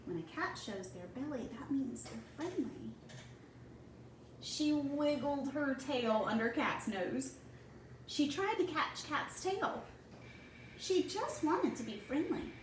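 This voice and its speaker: A teacher with a fairly high, sing-song voice reads a picture book to children slowly and deliberately, pausing to ask her young listeners questions. The recording sounds roomy and a bit distant from the mic, with noticeable noise behind her.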